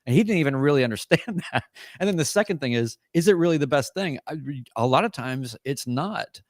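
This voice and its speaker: A man's voice: on the high side, animated, fairly quick, dry recording, studio quality. Rambling, hesitant male podcast co-host. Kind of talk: casual chat.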